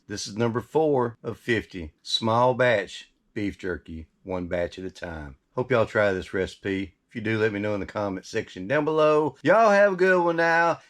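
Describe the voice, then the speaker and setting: A man with a fairly low voice hosts a home recipe video. He talks in a casual, folksy way as he works through the steps, chatting partly to the viewer and partly to himself. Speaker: cooking video host.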